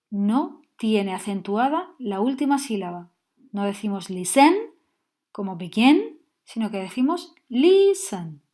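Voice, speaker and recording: Woman teaching grammar, slightly high. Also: mellow. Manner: clear, patient explaining with frequent check-ins. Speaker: English teacher. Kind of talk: grammar lesson.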